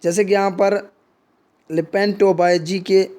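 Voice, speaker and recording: Slow, high-voiced male teacher explaining. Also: little pitch movement, a little mellow. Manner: reads English definitions very slowly, then explains them in Hindi. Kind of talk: Hindi lecture on English poetry.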